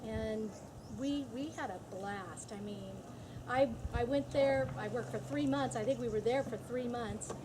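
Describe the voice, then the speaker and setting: Slow-spoken nostalgic woman, noisy panel. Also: on the high side. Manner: nostalgic, laughing, slow and thoughtful. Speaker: panel guest, former film extra. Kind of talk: convention panel reminiscence.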